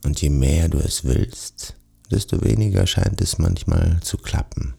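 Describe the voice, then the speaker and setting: A man narrating a guided sleep meditation in a soothing, gentle manner, speaking softly and directly to the listener. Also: low-pitched, unhurried, gravelly, slightly rough, soft background music.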